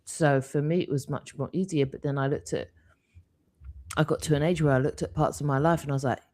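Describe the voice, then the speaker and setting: A man's voice: on the high side, fairly even intonation, brisk, a little mellow. A man co-hosting a spiritual live talk, telling a candid personal story with quoted asides. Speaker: co-host.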